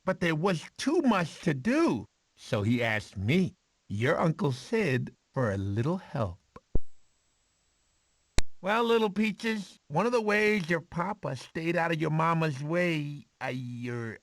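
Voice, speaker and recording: An actor playing a goofy, jittery but kindly bumbling sloth in an animated game, excitable and theatrical. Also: male voice, a little high. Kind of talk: animated film tie-in game character dialogue.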